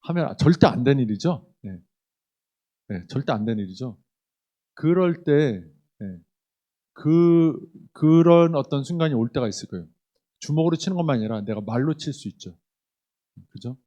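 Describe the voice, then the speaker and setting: A man's voice: medium pitch, expressive, moderate pace, pauses often, dark tone, dull audio. A middle-aged man preaching a sermon as a pastor, talking to the congregation in a conversational way and often putting questions to them. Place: church sanctuary.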